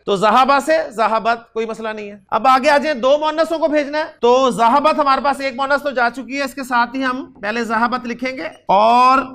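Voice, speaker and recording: An Arabic grammar teacher, reciting verb conjugations aloud and quizzing the class with quick questions. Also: high voice, a bit bright.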